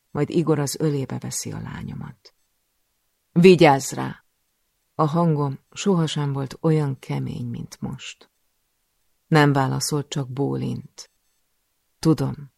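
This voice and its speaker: A man narrating a first-person thriller audiobook with tense drama. His voice is heavily gravelly, and the recording is close and dry. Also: medium pitch, darkish tone, no room sound.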